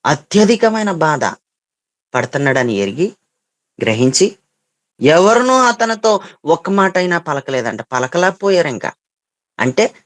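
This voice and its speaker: A man's voice: a little high, a bit bright. A man preaching a sermon as pastor, emphatic, repeating phrases and firing off rhetorical questions.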